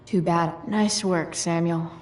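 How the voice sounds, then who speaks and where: Video game role: rebellious teen girl, lowish voice, unhurried, sarcastic and slangy. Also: fairly even intonation, a little mellow, distant mic. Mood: musing. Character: sardonic rebellious teenage girl, muttering inner thoughts. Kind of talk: video game inner monologue and dialogue.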